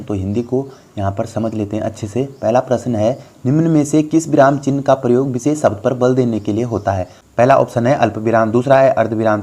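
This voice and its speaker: A young male tutor with a mellow, darkish voice that sits a little low. He walks viewers through a grammar lesson step by step, patient and explanatory, calling them friends as he goes. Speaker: exam tutor. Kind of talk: Hindi grammar lesson for exam aspirants.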